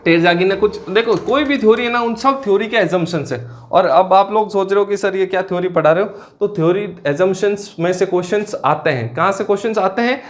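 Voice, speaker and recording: A man teaching an engineering exam class, asking questions and answering them himself, repeating key terms slowly. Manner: drops to low, quiet asides on filler words. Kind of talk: classroom lecture.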